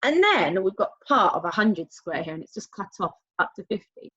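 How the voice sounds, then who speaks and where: A woman speaks directly to primary pupils during a recorded maths lesson, using an encouraging sing-song style, lengthened key words and prompting questions. Her mid-range voice moves through big pitch swings and is slightly bright with a breathy edge. Sound quality is dull and lo-fi.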